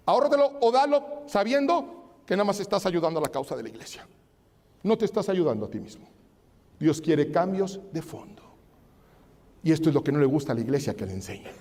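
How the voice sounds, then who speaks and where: Emphatic high-voiced pastor preaching. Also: male voice, mellow, long reverb tail. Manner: emphatic preaching, reading scripture aloud. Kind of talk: sermon.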